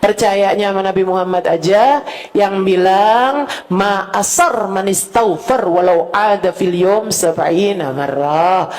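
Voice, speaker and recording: A woman's voice: mid-range voice, takes it slowly, darkish tone. A middle-aged woman preacher giving a sermon to a women's gathering, casual and colloquial, mixing in Arabic quotations and rising into emotional, pleading prayers.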